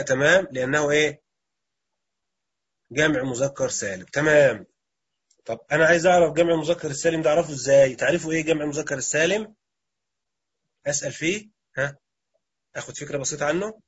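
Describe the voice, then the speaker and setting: Husky Egyptian teacher quizzing his class. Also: fairly high pitch, muffled recording. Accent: Egyptian Arabic. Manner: quizzes students, repeats answers. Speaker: grammar teacher. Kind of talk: classroom lecture with questions.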